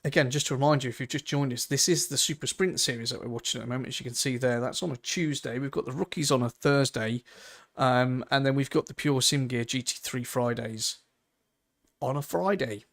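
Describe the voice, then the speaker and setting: Gravelly chatty race commentator. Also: male voice, mid-range voice, fairly quick, a bit bright. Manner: chatty, rambling, laughs easily. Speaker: sim racing commentator. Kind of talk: live esports race commentary.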